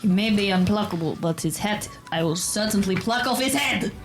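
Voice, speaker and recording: A woman's voice: mid-range voice, animated, moderate pace, music in the background. A woman playing a tabletop game, chatting casually as she takes her turns.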